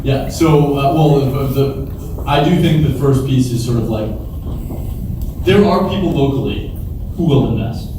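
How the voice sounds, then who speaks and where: A man's voice: mid-range voice, unhurried, long pauses. A man giving an informal talk and answering questions, rambling through stories and acting out bits of dialogue. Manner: rambling, animated storyteller, often quoting imagined dialogue. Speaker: venture capitalist guest speaker. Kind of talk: informal Q&A talk to a live audience. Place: large echoey indoor room with an audience. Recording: echoey room, far mic, clear background noise.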